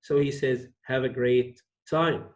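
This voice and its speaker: A male English teacher slowly explaining a textbook lesson, repeating key phrases for his students. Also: medium pitch, steady tone, poor audio. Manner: slow, repeats phrases for learners.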